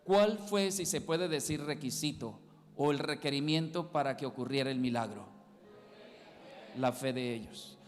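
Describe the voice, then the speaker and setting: A man preaching a sermon as pastor, emphatic, rising loud and dropping soft as he repeats key words. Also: mid-range voice, normal speed, long reverb tail. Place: church hall.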